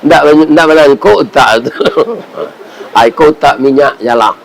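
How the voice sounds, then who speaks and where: Brief: man, middle-aged, Minangkabau accent, preacher, gravelly, story-driven sermon with humor. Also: medium pitch, animated, slow pace, slight background noise, poor audio. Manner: storytelling with humor and rhetorical "ya kan?".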